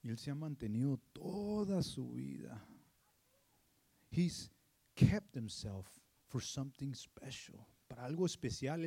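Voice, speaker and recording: A man preaching as a pastor, mixing in English and building from quiet storytelling to loud preaching. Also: a little high, breathy edge, dry recording. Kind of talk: sermon.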